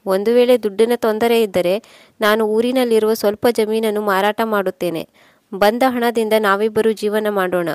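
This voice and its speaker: A woman's voice: medium pitch, steady tone, normal speed, darkish tone, no echo, lightly acted. A woman voicing a lonely, aging widowed mother who pleads with her son in tearful appeals. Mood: gentle.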